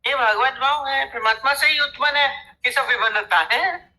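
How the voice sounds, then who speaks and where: A woman's voice: sits high, normal speed, pushed and bright. A woman giving a devotional discourse as a spiritual teacher, posing rhetorical questions and repeating her teaching points. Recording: tinny phone-like audio.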